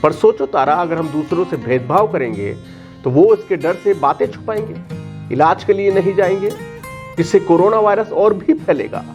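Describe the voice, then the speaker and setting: A gentle, patient cartoon dad. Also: male voice, high voice, animated, moderate pace, faint music behind. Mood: reassuring. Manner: soothing, explaining kindly. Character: gentle, patient, reassuring father.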